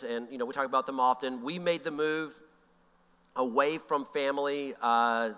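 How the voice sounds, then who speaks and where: Casting: man, 30s, pastor, folksy, bright and crisp voice, big hall echo. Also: mid-range voice. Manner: folksy, rambling with frequent fillers. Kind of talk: sermon with personal story. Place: church sanctuary. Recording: long reverb of a large church hall.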